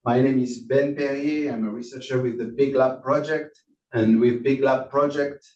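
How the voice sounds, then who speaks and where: A man hosting and lecturing an online class, friendly and halting with many restarts, on a video call. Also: mid-range voice, fairly even intonation, a little mellow. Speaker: course lecturer and host. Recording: distant, roomy, dull video call audio.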